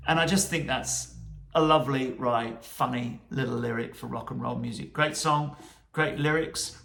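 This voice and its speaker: British male host, keen music commentator, average pitch, echoey room. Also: vocal fry, a bit bright. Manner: enthusiastic, recites lyrics aloud. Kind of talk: lyric commentary and reading. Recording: roomy echo.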